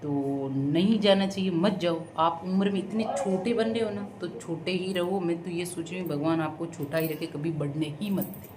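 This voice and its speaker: A woman's voice: lowish voice, darkish tone, slight background noise, poor audio. A woman vlogger answering viewer comments to camera in a blunt, defiant, sarcastic way. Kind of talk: casual talking-to-camera vlog.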